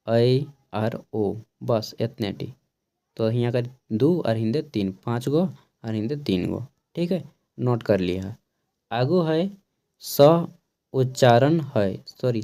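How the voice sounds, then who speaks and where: In an exam-prep lesson, a man whose Hindi carries a Khortha accent explains things slowly, often checking in with a quick "okay." His voice is medium in pitch and mellow.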